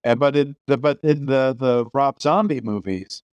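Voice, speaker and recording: A man's voice: medium pitch, normal speed, darkish tone, clean tone, no echo, highs cut off. A middle-aged man hosting a podcast, talking opinionatedly about films with many restarts. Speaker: podcast host. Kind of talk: casual film discussion.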